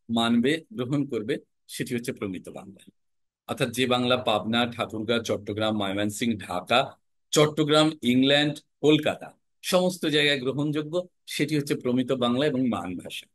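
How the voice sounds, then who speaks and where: A young man from Bangladesh teaching a class on recitation and speech, lively and animated, often dropping into regional dialect examples. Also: mid-range voice, dry recording. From Jhenaidah, Bangladesh. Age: young adult. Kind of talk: classroom lecture.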